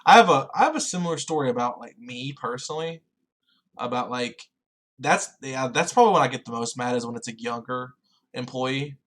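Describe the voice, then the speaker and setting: A man's voice: medium pitch, fairly quick, a bit bright. A young man co-hosting a podcast, rambling through casual chat and filling it with "like". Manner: rambling, heavy use of "like". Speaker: podcast co-host.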